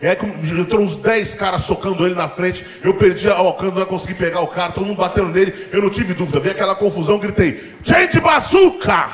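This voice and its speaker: A man's voice: high voice, steady tone, quick pace, hardly any pauses. A man with a Brazilian accent doing stand-up comedy, brash, profane and self-mocking. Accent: Brazilian Portuguese. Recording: echoey stage room.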